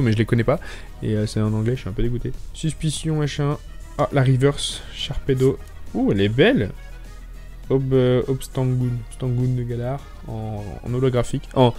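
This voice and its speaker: A young man with a French accent chatting excitedly to viewers, stumbling over his words as he opens card packs. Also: medium pitch. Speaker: YouTuber opening card packs. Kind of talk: casual excited chat.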